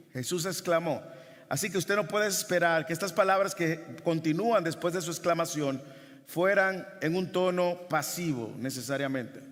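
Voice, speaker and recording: Male pastor, high voice, emphatic sermon, repeated questions, long hall reverb. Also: a bit bright.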